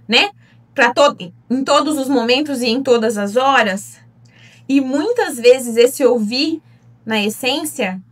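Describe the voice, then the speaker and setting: Woman with a Brazilian accent, high voice, earnest relationship therapist talk, slightly distant mic. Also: a bit bright. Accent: Brazilian Portuguese. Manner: earnest, addresses listeners directly with rhetorical questions. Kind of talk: teaching talk to an audience.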